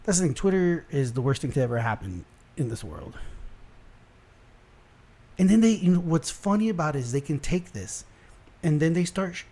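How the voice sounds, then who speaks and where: A young man from South Texas runs through online headlines in a loose commentary show. His voice sits a little high for a man but sounds mellow and warm. He rants in an animated, exasperated way and keeps breaking off and restarting his sentences. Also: moderate pace, long pauses. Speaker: host.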